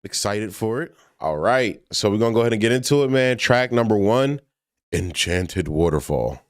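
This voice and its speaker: A man's voice: on the low side, lively intonation, moderate pace, a little hiss or hum. A man reacting to and reviewing music in a casual, slangy way, full of fillers. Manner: laid-back and slangy, heavy with fillers.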